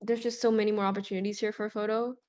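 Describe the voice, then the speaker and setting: A woman's voice: medium pitch, very fast. A young woman from Indonesia, a native Indonesian speaker, talking casually as an interview guest with lots of "like" fillers. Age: young adult. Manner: relaxed, chatty, many "like" fillers. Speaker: guest concert photographer.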